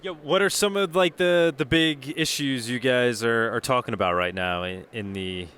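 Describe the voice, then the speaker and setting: Man, interviewer, bright tone, stumbling restarts, repeats words. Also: medium pitch, normal speed, clear, resonant tone. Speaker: podcast host, interviewer. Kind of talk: casual interview. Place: busy convention venue.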